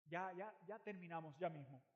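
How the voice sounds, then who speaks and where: High-voiced preacher telling a Bible story. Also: male voice, normal speed, lo-fi sound. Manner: dramatic, swings between loud emphasis and near-hushed lines; repeats phrases for emphasis. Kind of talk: storytelling sermon.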